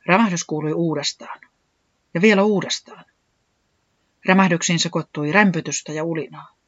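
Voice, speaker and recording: A storyteller reading a children's story aloud with lively expression. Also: medium pitch, dry recording, muffled recording. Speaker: narrator. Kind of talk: children's audiobook narration.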